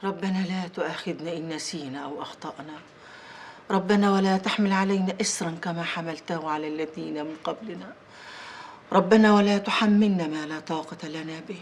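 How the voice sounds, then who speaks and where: A woman's voice: fairly low pitch, brisk, a little hiss or hum, close to an everyday voice. An actress playing a devout, doting middle-aged mother in an Egyptian film, with an Egyptian accent and a fussing manner. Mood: praying. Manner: warm, fussing.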